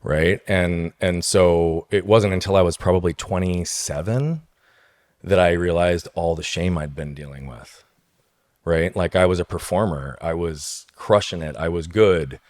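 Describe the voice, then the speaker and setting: A man's voice: deep voice, unhurried, a little mellow, no room sound, studio quality. A man speaking as a guest on an interview podcast, telling his story emphatically and often checking in with "right?". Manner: emphatic, tags points with "right?".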